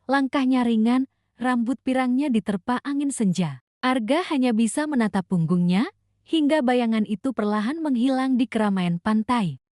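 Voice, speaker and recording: A woman calmly narrating a scripted story as a storyteller. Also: fairly high pitch, no echo, clean studio sound.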